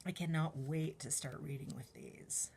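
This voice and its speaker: A young woman casually reviewing a tarot deck, soft-spoken and a little breathless, often trailing into whispers with many ums. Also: low-pitched, steady tone, unhurried, creaky, slightly rough.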